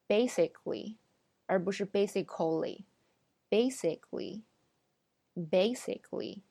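A young adult woman teaching English pronunciation in a recorded audio lesson, slowing down sharply to model each word. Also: mid-range voice, darkish tone. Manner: slows right down to model English words.

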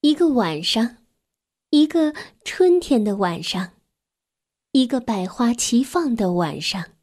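Gentle, slow woman reading a bedtime story. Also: on the high side, lively intonation. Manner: gentle, soft, sometimes drops to a whisper. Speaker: children's story host.

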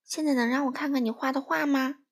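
A woman voicing a patient, gentle young male duck in a children's storybook, speaking earnestly and coaxingly. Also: high-pitched, fairly even intonation, quick pace, pitched above the performer's own voice.

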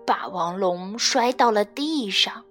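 A woman reading a children's story aloud, expressive and gentle, acting out sound effects. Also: mid-range voice, slow, faint music behind.

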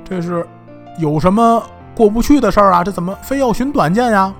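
A man's voice: sits high, lively intonation, a little fast, a bit bright, faint music behind, pitched above the performer's own voice. A male storyteller voicing a good-natured young hero who eagerly talks a stranger out of despair.

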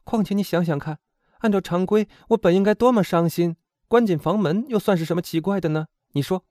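A man's voice: high voice, a little mellow, no echo, clean studio sound, pitched above the performer's own voice, close to an everyday voice. A man voicing a bold, confident young woman who teases her timid friend. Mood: brisk. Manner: brisk, confident, teasing.

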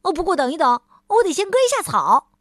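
A woman voicing a hyperactive, bossy grown man who is always rushing, speaking in brisk, excited exclamations for a children's storybook reading. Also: very high voice, dry recording, clean studio sound, voice pushed up, full character voice. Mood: hurried.

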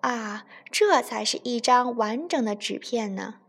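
A woman telling a children's bedtime story in a gentle, expressive way. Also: a little high, measured pace, slightly rough.

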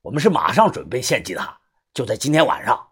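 A man voicing a rough, foul-mouthed middle-aged man in an audiobook, who talks gravely in a lowered tone. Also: sing-song, fast, a bit bright, heavily acted. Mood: shaken. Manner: swearing, lowered grave tone when explaining. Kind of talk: audiobook character voice.

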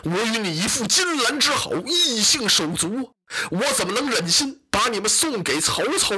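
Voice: medium pitch, big pitch swings, moderate pace, pushed and bright, slight background noise. Storyteller doing an earnest old warlord uncle. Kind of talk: traditional storytelling.

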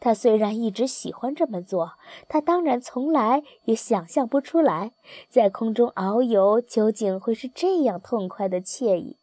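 A woman reading a children's storybook aloud in a gentle, expressive storytelling manner. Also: on the high side, moderate pace, no echo. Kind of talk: scripted children's story narration.

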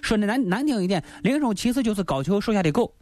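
A woman hosting and narrating a classic tale comically, with animated asides. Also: medium pitch, quick pace, background noise. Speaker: host. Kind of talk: comic storytelling.

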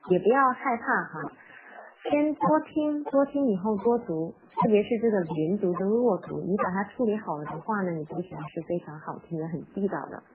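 A medium-pitched woman teaches English pronunciation on a live stream for parents and children, patiently repeating words slowly and spelling out sounds. She reads a nursery rhyme at slow, medium, and fast speeds, and the tinny, phone-like audio has faint background noise.

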